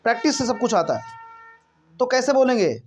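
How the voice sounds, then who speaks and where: Here a man with an extremely high, sing-song voice, slightly fast and a little mellow, teaches a spoken English lesson. He poses questions and answers them himself, repeats his points, and keeps checking that listeners are following along.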